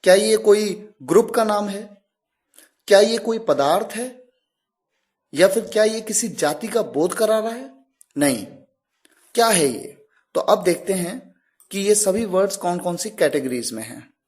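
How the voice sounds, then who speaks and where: A man teaching English grammar. He explains slowly and deliberately, stops on each example word and keeps asking the listener questions. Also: high-pitched, lively intonation, darkish tone. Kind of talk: classroom explanation.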